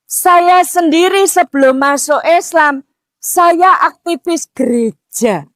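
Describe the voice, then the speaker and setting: A woman in her sixties with a Javanese accent preaching a mosque sermon, posing rhetorical questions and rising to emphatic near-shouts. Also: very high voice, slow, no echo, studio quality. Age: 60s. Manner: slips Javanese words into talk.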